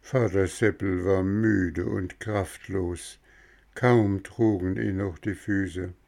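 A man reads a fairy tale aloud very slowly and deliberately. His voice is low and gravelly. He paces every sentence with care. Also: fairly even intonation, a little mellow. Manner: slow, deliberate narration. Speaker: storyteller.

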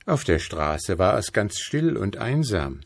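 A man reading a fairy tale aloud slowly and expressively. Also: creaky, no echo, clean studio sound. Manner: slow, expressive, lively pitch. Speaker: storyteller.

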